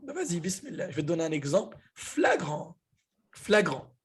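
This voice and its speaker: A man teaching an online Arabic class, lively, often checking the students follow. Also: high voice, normal speed, husky. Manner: lively, repeats key points, asks "d'accord?".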